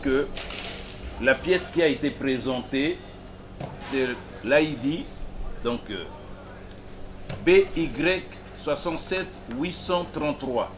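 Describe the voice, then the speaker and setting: A man at a court hearing, slowly reading out an exhibit and its reference number. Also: a little high, noisy background. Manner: slow, reads out reference numbers.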